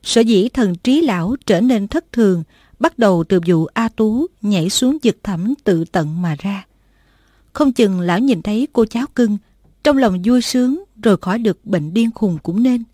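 A woman narrating a story audiobook in a mid-pitched voice with a steady, even delivery. The recording is dry and close, with no room sound. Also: normal speed, no echo.

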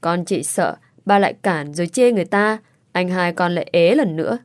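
A woman's voice: on the low side, animated, a little fast, no echo, studio quality, close to an everyday voice. Woman reading as a cheeky teasing daughter. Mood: probing. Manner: cheeky, pleading, sulky. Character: playful, teasing young adult daughter.

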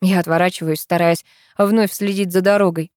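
A woman reading an audiobook in an even storytelling manner, telling it as a male first-person narrator. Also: fairly low pitch, normal speed, no room sound, studio quality. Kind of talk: scripted narration.

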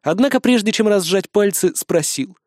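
Male audiobook narrator, fairly high voice, steady and expressive, dry close recording. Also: moderate pace, dry recording.

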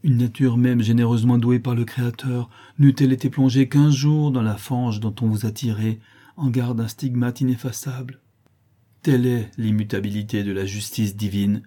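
A man's voice: mid-range voice, steady tone, normal speed, dark tone, natural voice. A man reading the part of an old priest, solemn and consoling, in an audiobook. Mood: grave. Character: old priest, grave and sad, kindly.

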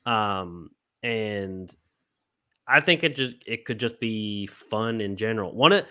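A man's voice: on the low side, slow pace, sharp tone, smooth. A man hosting a casual basketball podcast, laughing often and using lots of fillers. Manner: laughs a lot, many fillers. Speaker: podcast host. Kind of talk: casual chat.

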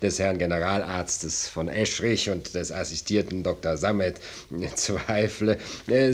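A man acts a pompous court minister in a satirical radio play. He has a middle-pitched male voice and draws out ceremonious official phrases with fussy pedantry and small hesitations. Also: close to an everyday voice.

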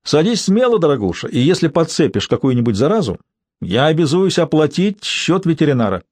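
A man's voice: a little high, very animated, fairly quick, darkish tone, no echo, pitched above the performer's own voice. A man voicing a flamboyant, teasing young man who jokes constantly, in an audiobook. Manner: camp and teasing. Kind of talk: audiobook character voice.

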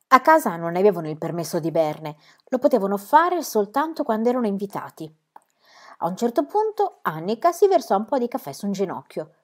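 A woman reading a children's story aloud in an expressive, lively way. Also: medium pitch. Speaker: reader.

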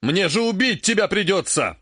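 A man reading an audiobook, voicing an emperor who speaks softly and in a measured way. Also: medium pitch, very animated, dry recording, studio quality. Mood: stern irritated. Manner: soft, placating, measured. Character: calm, mild-mannered male emperor, later irritated.

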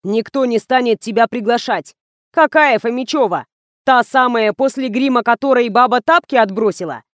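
A woman reading the part of a young advertising manager who coaxes, then shouts and panics. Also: fairly high pitch, moderate pace, dry recording, studio quality, natural voice. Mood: panicked. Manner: bossy, then loud and panicky.

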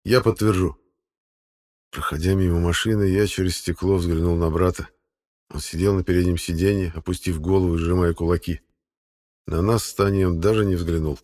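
A man narrating an audiobook in a steady, measured storytelling manner. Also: low voice. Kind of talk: scripted narration.

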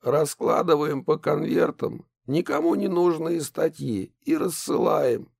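A man reading an audiobook, voicing a nervous, secretive middle-aged son who speaks in a resigned, hushed way. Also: a little high, measured pace, creaky, slightly rough, dry recording, studio quality, voice pushed up, full character voice.

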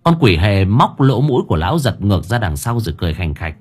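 A man narrating an audiobook story in a lively, animated way. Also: fairly low pitch, fast, breathy edge.

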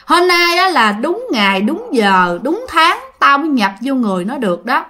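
Woman putting on a gruff, ravenous male ghost. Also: sing-song, normal speed, sharp tone, full character voice. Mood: grim. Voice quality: gruff, booming. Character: ravenous male drowned ghost possessing a boy.

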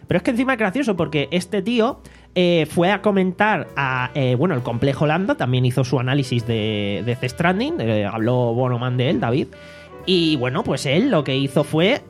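Animated man, fairly high voice. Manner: animated, swearing, mocking. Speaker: podcast host. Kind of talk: casual podcast chat, reading listener comments. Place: home studio.

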